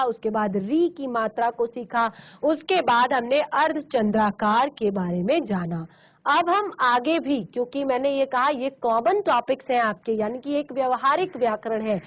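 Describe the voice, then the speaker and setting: A woman teaching a Hindi grammar class, explaining patiently and slowing down to model pronunciation. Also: high-pitched, phone-quality sound. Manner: explanatory, repeats "ठीक है" often. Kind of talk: virtual classroom lesson.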